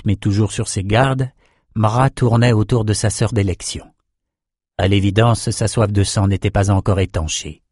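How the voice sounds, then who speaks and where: Male audiobook narrator, steady read, low voice, dry close sound. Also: dry recording. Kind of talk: scripted narration.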